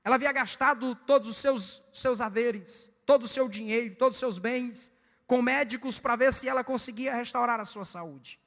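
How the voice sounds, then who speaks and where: High-voiced preacher in a reverberant church. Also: male voice. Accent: Brazilian Portuguese. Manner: fast, emphatic preaching with sudden loud peaks. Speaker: evangelist preacher. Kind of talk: sermon.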